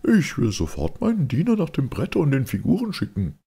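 An agitated gentleman, voiced by a man reading aloud pushes his voice up high and loud in a storybook reading, sarcastic and snorting. Under the strain the tone stays low and gravelly. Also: huge pitch swings, a little fast, exaggerated voice.

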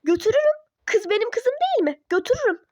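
A woman's voice: very high voice, big pitch swings, quick pace, no room sound, voice pushed up. A woman voicing a rude, blustering father who snaps at a teacher in a toy-app role-play drama. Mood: angry. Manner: gruff, shouting at others.

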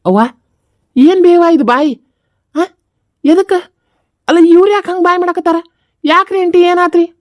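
A woman's voice: extremely high pitch, moderate pace, pauses often, no room sound, studio quality. Woman doing a bewildered young wife with a North Karnataka accent. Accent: North Karnataka Kannada. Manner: questioning, bewildered. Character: puzzled young wife, questioning.

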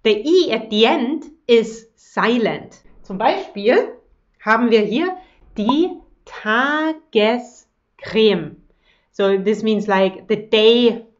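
A woman gives a language lesson at a very slow, deliberate pace, saying each word with care before she translates it. Her voice sits a little high, and the recording sounds slightly dull. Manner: slow, careful pronunciation, switching to English translations. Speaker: German teacher. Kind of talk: language lesson, repeating words slowly.

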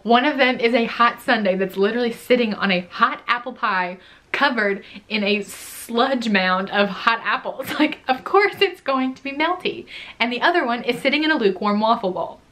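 A woman's voice: fairly high pitch, moderate pace, pushed and bright. A young woman vlogger casually telling a story to camera, chatty and full of "like", laughing often. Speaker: vlogger, former theme park food worker.

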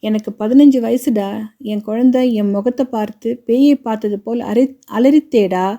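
A woman's voice: a little high, normal speed, dark tone, lo-fi sound, lightly acted. A woman voicing a grieving, defiant grandmother. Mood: grieving reproach. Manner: impassioned, reproachful pleading.

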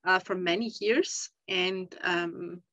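An Austrian conference panelist with an Austrian German accent gives a thoughtful academic talk over a video call, full of ums and uhs. Her lowish voice is slow, pushed and bright, with fairly even intonation, no room sound, and dull lo-fi call audio.

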